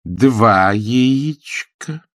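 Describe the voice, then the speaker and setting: A stern old governess who drags out every command like an order that cannot be refused, as a man reads her. The voice is pushed up high over a gravelly, husky core. It is dry and close, with the tone rising and falling in lively swings. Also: no room sound, full character voice. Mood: insistent. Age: older. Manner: strict, drawn-out scolding commands. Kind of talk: audiobook character voice.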